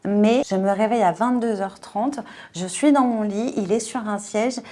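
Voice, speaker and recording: A woman in her forties tells her own story in an interview, earnest and emotionally charged. Her speech is halting, full of repeated words and small fillers. Her voice sits at an ordinary middle pitch. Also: dark tone. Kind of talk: personal testimony.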